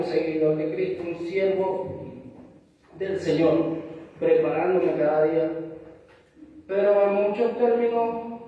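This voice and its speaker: Venezuelan man, preacher, high voice, far from the mic, echoey church hall, dull sound. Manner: earnest preaching, frequent amens, acts out dialogue. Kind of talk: sermon.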